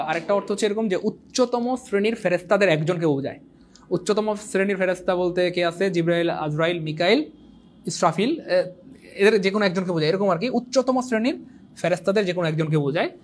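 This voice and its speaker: Fast, high-voiced man teaching. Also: slight background noise. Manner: animated, repetitive, teasing, asks the viewers questions. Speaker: exam prep teacher. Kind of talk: online lecture.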